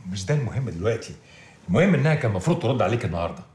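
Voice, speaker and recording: A fast-talking placating Egyptian fixer. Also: male voice, fairly low pitch, very animated, darkish tone. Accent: Egyptian Arabic. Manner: placating, quick, exasperated. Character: older man, a fixer calming a hotheaded friend. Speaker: senior official in a TV series.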